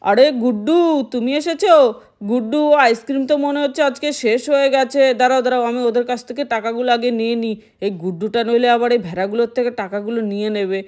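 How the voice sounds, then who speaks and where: A woman's voice: fairly high pitch, fast, darkish tone, close to an everyday voice. A woman voicing a chatty middle-aged male ice cream seller in a doll-play story, talking with lots of exclamations and scolding. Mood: pleased.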